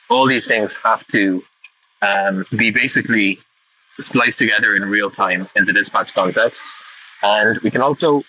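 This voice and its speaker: A podcast listener sends in a question, a man with a fairly low, sharp-toned voice who thinks aloud in a casual, rambling way and keeps correcting himself. The recording is muffled and clearly noisy.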